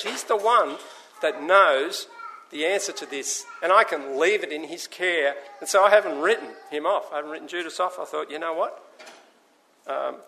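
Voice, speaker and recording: A man delivers an earnest sermon. His voice is bright and forceful and sits a little high for a man. He slips into voices for the people in his stories. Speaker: preacher.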